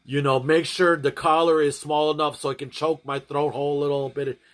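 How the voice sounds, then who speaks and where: A man's voice: fairly high pitch, little pitch movement, brisk, a bit bright. A man chatting casually to his livestream audience, rambling and often restarting and repeating his phrases. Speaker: streamer.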